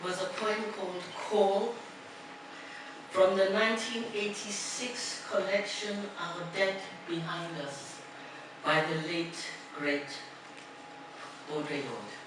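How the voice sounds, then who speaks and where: An older woman from Ghana speaks at an unhurried pace from a podium in a large wood-panelled lecture hall. She is heard from afar through a booming echo, with a steady noise underneath. Her talk moves from rhythmic chanting to reflective storytelling. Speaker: alumni speaker. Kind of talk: lecture with recited poem. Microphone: podium mic, recorded from a far camera. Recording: distant, very echoey hall recording with noise.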